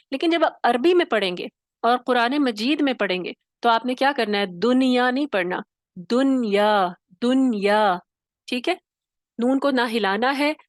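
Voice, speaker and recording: A woman's voice: fairly high pitch, no room sound, clean studio sound. A woman teaching Quran recitation online, who explains patiently step by step and keeps checking in with her students. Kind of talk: online tajweed class.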